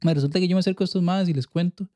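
A man's voice: sits high, steady tone, very fast, warm tone. A young man with a Costa Rican accent, talking earnestly in a casual faith podcast and often checking whether the listener follows him. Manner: earnest, keeps checking in with "you get me?". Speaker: podcast co-host.

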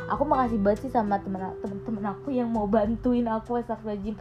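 A woman's voice: a little high, steady tone, fast talker, warm tone, faint music behind. A young woman in casual late-night chat, candidly and emotionally recounting her struggles, with many fillers. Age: young adult. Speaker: podcast co-host.

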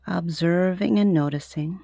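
A yoga nidra meditation teacher guides a sleep meditation in the manner of a sleep story narrator, soothing and unhurried, leaving long pauses between short phrases. Her voice is on the low side, gravelly and warm, with no echo.

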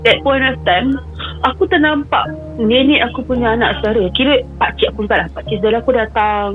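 A caller with a fairly high, fairly bright voice tells a personal story at a fairly quick pace, dropping in English phrases and often repeating herself. Soft music plays beneath the poor-quality audio of this call-in segment.

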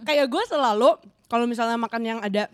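A woman's voice: on the high side, a little fast, no echo. A young woman co-hosting a casual snack review vlog, chatty and musing, with slangy asides. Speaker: vlog co-host.

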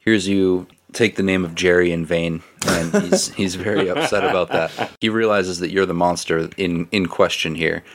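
A man narrating as game master of a tabletop game in a relaxed, hesitant way. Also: low-pitched, normal speed, hardly any pauses.

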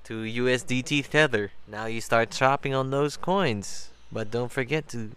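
A man's voice: medium pitch, unhurried, fairly bright tone, clear, resonant tone. A man co-hosting a casual crypto chat, making jokes and playful asides. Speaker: co-host.

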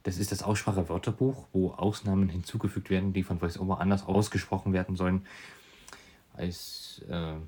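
A man casually explaining computer settings in a tutorial, relaxed, with some fillers. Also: low-pitched, a little fast, husky. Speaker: tutorial presenter. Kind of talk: casual screen recording tutorial.

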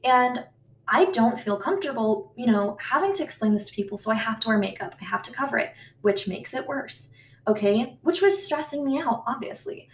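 A young woman chatting casually to her viewers, rambling, talking quickly and swearing freely. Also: fairly high pitch, animated, a little hiss or hum. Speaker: YouTuber. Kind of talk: casual chat vlog. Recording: roomy sound from a distance.

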